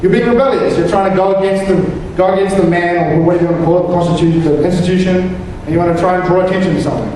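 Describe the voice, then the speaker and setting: A man's voice: high voice, steady tone, rapid-fire, hardly any pauses, a little mellow, a little hiss or hum. A young man from New Zealand performing a rambling stand-up comedy set, full of restarts and fillers. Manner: rambling, hesitant, with many restarts and "like". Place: comedy venue stage. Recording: echoey hall, mic picked up from a distance.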